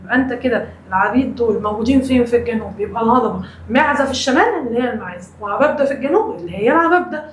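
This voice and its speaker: A woman's voice: on the high side, animated, very fast, hardly any pauses, slight background noise. A woman with an Egyptian Arabic accent teaching a primary school lesson, asking a question, answering it and asking it again. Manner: repeats questions and answers, uses memory tricks. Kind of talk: primary school lesson with call-and-response drills. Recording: roomy echo, faint ambience.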